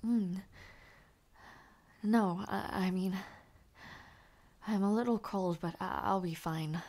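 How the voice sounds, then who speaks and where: A young woman with a medium-pitched voice plays a gentle, shy noblewoman who dreams of becoming a knight in an intimate audio roleplay. She sounds concerned and soft, her speech quiet, hesitant and halting.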